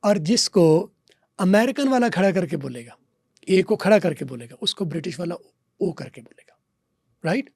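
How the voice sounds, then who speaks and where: Gravelly high-voiced man teaching. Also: animated, normal speed, pauses often, dry recording, clean studio sound. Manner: lecturing, repeats example words and asks quiz questions. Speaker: English teacher guest. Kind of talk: podcast interview, explaining.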